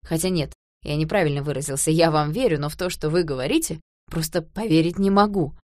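A wry young husband, read by a woman who jokes his way through rising worry. The voice sits fairly low and close, with a dry, close-up sound, as in an audiobook. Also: a little fast, a little mellow, dry recording, lightly acted. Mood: stunned, quiet. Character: young adult man, wry, increasingly worried husband.

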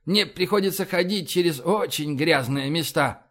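A man's voice: a little high, normal speed, fairly bright tone. A man reading an audiobook, voicing a small, genial male scholar with a wry manner.

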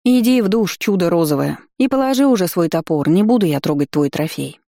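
An audiobook reader voicing a lively young woman who fires off questions and scolds her friend. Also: mid-range voice, gravelly, no room sound, clean studio sound. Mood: teasing. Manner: exclaiming, chiding, quick questions. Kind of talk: audiobook character voice.

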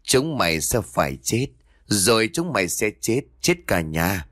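A man voicing a half-mad, possessed young mistress who speaks in a slow, eerie, menacing chant in a ghost story. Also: lowish voice, very animated, a bit bright, dry recording, clean studio sound, heavily acted.

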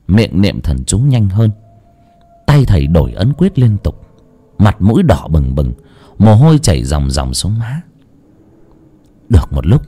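A man's voice: lowish voice, warm tone. A man narrating a folk ghost story in a dramatic storytelling style.

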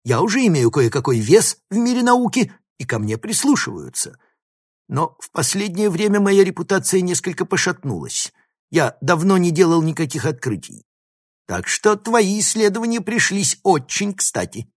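A man's voice: mid-range voice, big pitch swings, moderate pace, slightly rough, dry recording, clean studio sound, pitched above the performer's own voice. A man voicing an arrogant, scheming male professor who sneers and bullies in an audiobook reading. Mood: condescending. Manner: sneering, condescending, flaring into shouts. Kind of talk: audiobook character voice.

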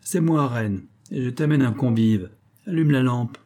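A man voicing an aging, gruff country gentleman who hunts, speaking brusquely and commandingly. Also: medium pitch, unhurried, close to an everyday voice. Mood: hearty.

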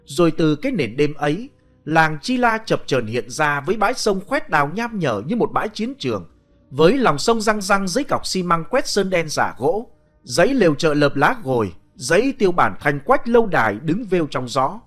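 A man's voice: a little high, sing-song, normal speed, a bit bright, soft background music. A man narrating a spoken story in a dramatic, vivid storytelling manner.

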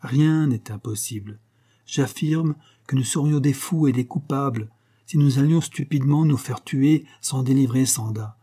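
A man's voice: mid-range voice, measured pace, mellow, breathy edge. A man voicing a level-headed young Frenchman who reasons persuasively with his friend.

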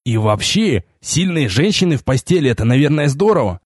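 A man narrating a first-person audiobook, expressive and wry. His husky voice rises and falls a lot. The recording is close and dry, with no room sound. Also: medium pitch, fairly quick, no echo.

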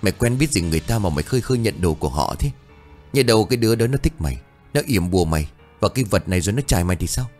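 A brash young man in a ghost story scolds his friend in a gruff, rapid voice. A male narrator voices him. His voice sits low but swings up and down widely. Faint music plays behind him. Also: animated, darkish tone. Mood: scolding. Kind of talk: storytelling dialogue.

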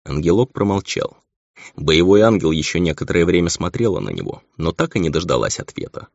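A man reading a fantasy audiobook in an expressive storytelling manner. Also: sits low, fairly quick, creaky, no room sound. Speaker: audiobook reader. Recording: dull dry lo-fi audio.

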